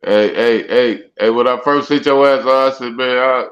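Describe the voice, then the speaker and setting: A man in casual, loud trash talk on a group call, acting out mocking impressions of his friends. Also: mid-range voice, steady tone, normal speed, highs cut off.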